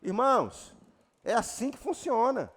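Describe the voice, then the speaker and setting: A Brazilian man with a Brazilian Portuguese accent, a pastor preaching a lively sermon with jokes and sudden loud declarations at a church retreat. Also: very high-pitched, measured pace, breathy edge.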